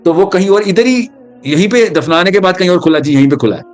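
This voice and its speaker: Man, religious talk, animated storytelling, English terms mixed in, higher voice. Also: faint music behind. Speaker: Islamic speaker.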